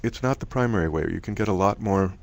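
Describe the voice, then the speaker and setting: Man, middle-aged, low pitch; relaxed lecturer who talks off the cuff with restarts. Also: fast. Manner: conversational, thinks aloud with restarts. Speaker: presenter from a music archive. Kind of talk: online lecture presentation.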